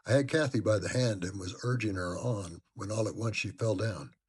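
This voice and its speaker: A man giving an expressive first-person dramatic reading of a classic novel. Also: on the low side, normal speed, slightly rough. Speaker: audiobook reader.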